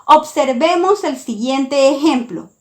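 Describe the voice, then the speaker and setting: Slow, high-voiced woman teaching. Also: lively intonation, darkish tone. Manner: slow, careful, deliberate delivery. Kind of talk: scripted lesson narration.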